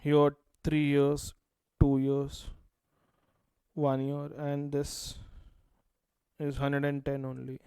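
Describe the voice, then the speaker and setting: A man's voice: fairly high pitch, completely flat delivery, slow, pauses often, dark tone, clean tone, dry recording. A man with an Indian accent teaching a finance class, repeating key points in an instructive way and addressing students directly. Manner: repetitive, instructive, addresses students with affectionate terms. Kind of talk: classroom lecture.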